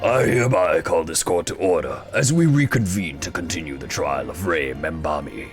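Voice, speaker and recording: A man reading story game dialogue aloud in a measured, formal way. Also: deep voice, animated, soft background music.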